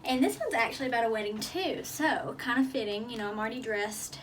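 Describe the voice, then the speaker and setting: A woman's voice: on the high side, lively intonation, quick pace, far from the mic, a little hiss or hum. A young woman casually reviewing a book for her vlog, chatty and upbeat, a little out of breath and full of fillers. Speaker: book vlogger.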